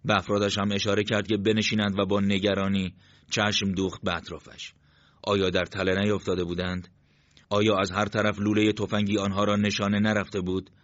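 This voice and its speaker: A man reading a war novel aloud as an audiobook narrator, in a steady, measured literary style. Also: fairly low pitch, no room sound. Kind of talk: scripted narration. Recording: dull, lo-fi dry sound.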